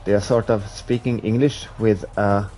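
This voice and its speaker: Poor audio and faint background music accompany a young man from Sweden who, in a lowish voice at normal speed and with a Swedish accent, casually chats with viewers. He's live-streaming a racing game, talking in a relaxed, rambling way with restarts as he plays.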